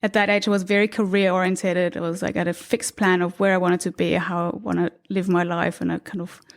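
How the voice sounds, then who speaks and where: A gravelly, lowish voice with little pitch movement belongs to an Austrian woman in her thirties, talking fairly quickly. She is a podcast guest in a relaxed interview at an apartment, reflective and laughing lightly at times.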